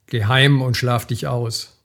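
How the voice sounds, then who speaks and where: A tired young nurse brushes off a drunk with short, dismissive lines, as a man reads her. The delivery is slow and plain, with an everyday mid-range voice. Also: medium pitch, little pitch movement, creaky, a bit bright, exaggerated voice. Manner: curt, dismissive. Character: young female nurse, weary and defiant.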